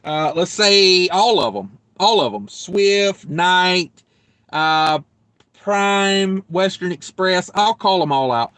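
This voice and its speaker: A young man with a high, bright voice rambles through a casual live stream from his truck cab. He jokes freely and reads viewer comments aloud. The sound is dry and close, with no room echo. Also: expressive, slow pace, clear, resonant tone. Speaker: trucker livestream host.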